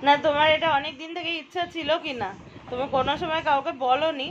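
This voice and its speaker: A young woman vlogging casually at home, chatting brightly about food and a family surprise gift. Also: high-pitched, quick pace, muffled recording, noisy background. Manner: chatty, lively, whispers while planning a surprise. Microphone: phone camera.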